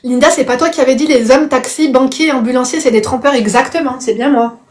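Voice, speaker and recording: Blunt high-voiced woman streaming live. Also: fairly even intonation, brisk. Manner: blunt and outspoken, calls viewers darling; punctuates opinions with "I swear" and "I'm telling you the truth". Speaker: live-stream host and life coach. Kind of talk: casual live chat answering viewer comments.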